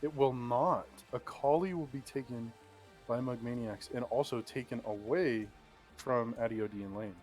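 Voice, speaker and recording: A man calling a live esports draft pick by pick in steady play-by-play, with frequent ums. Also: medium pitch, normal speed, faint music behind. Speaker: play-by-play caster.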